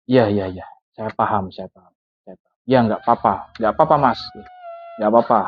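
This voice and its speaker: A man's voice: lowish voice, a little fast, slight background noise, lightly acted. A man voicing a grieving middle-aged father who earnestly explains what he has been through, on a tinny, phone-like recording. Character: grieving middle-aged father haunted by his dead daughter.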